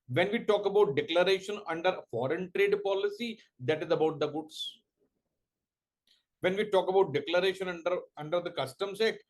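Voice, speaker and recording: A man giving a law coaching lecture, quizzing students and slowly dictating points word by word. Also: a little high. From India. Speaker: professor.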